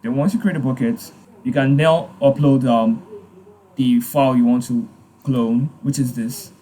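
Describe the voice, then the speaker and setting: Guy walking thru a coding tutorial, lots of um and like, mellow low-key voice. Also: fairly even intonation, a little slow. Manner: hesitant, many fillers and restarts. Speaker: tutorial host. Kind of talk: casual screen-recorded tutorial.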